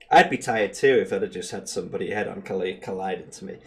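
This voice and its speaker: A man's voice: low voice, breathy edge. A man streaming a truck driving game, chatting casually and teasing his co-player, sometimes breaking into silly sing-song noises. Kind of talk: casual gameplay chat with a co-player.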